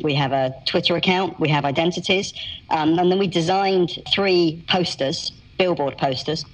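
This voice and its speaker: A man whose voice is electronically altered for anonymity, explaining things in measured, articulate detail as an interview guest. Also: a little high, poor audio. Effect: electronically altered voice to disguise identity.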